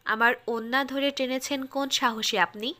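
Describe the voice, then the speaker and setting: A spirited young woman student with a quick, scolding tongue, as a woman reader puts her on. She talks back with indignant bite in a bright, fairly high voice in a storybook reading. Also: steady tone.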